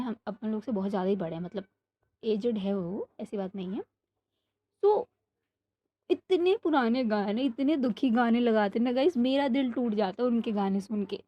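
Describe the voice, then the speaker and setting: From her bedroom, a young woman with a medium-pitched voice chats casually for her channel and then moves into telling a story, rambling with lots of animation. The audio is lo-fi, and music from a neighbour can be heard behind her.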